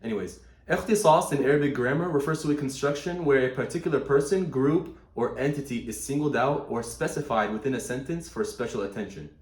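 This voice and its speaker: Fast-talking man explaining grammar. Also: mid-range voice, reverberant. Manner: reads answers aloud and corrects them, switching into Arabic terms. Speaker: Arabic language teacher. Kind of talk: casual explanatory commentary.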